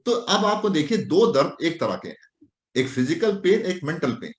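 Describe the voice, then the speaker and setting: A man teaching homeopathy in a classroom lecture, talking straight to his students in an animated way. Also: a little high, moderate pace. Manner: animated, addresses students directly. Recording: echoey room.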